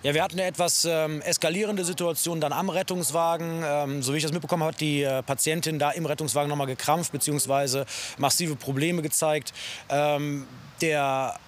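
Man playing male police officer, highish voice, fast, official, hesitant wording, faint outdoor noise. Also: fairly even intonation, natural voice. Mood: explanatory, sober. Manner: official, wordy, hesitant explanation. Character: composed, matter-of-fact male police officer. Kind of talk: interview to camera in a scripted police series. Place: outdoors beside a police car. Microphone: clip-on lapel mic.

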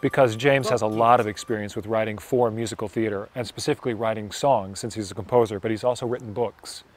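A man's voice: fairly low pitch, fairly even intonation, fast talker. Middle-aged man recounting, music under. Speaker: founding member of the theater company. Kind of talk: documentary interview.

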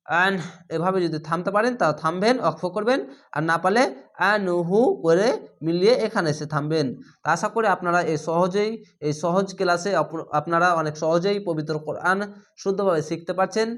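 In this Quran recitation lesson, the teacher's high voice is a bit bright. He goes letter by letter through each word, recites it in a slow, drawn-out way, and patiently goes over the rules again, now and then testing the viewer with questions.

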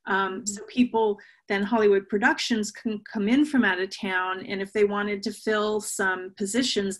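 A middle-aged woman, an author and guest, answering interview questions thoughtfully over a video call from a home room, pausing with fillers and restarting her sentences. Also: mid-range voice, fairly bright tone. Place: home room with bookshelves and shuttered windows. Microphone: laptop webcam on a video call.

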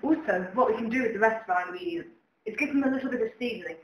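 Speaking rapid-fire in a slightly high voice, a young woman plays presenter in a pretend cookery demonstration at home. The lo-fi recording picks up an echoey kitchen and faint background noise.

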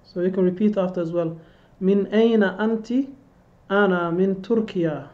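This Arabic teacher speaks quickly in a high-sitting voice, and the sound is dull. Working from a room indoors, he leads an online language class over a video call, captured on his webcam as he patiently repeats phrases for learners to say back.

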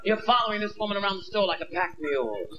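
A stand-up comedian in his thirties, brash and quick, performs into a handheld mic on a theater stage, playing both the women and himself in bits of dialogue. His high voice is expressive, and the lo-fi VHS recording is dull and hissy.

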